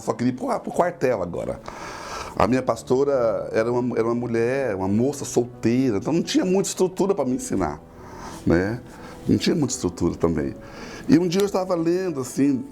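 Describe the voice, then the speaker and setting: A middle-aged male pastor tells his personal testimony with emotion, close to tears at times. His pitch rises and falls freely, and his voice sounds warm and mellow. Soft music plays faintly in the background. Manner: emotional, tearful storytelling.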